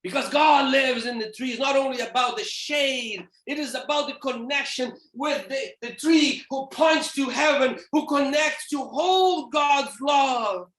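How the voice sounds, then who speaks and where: A man from Brazil with a Brazilian Portuguese accent, giving an animated, playful church lecture as a theologian. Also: very high-pitched, unhurried, hardly any pauses. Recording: echoey church hall.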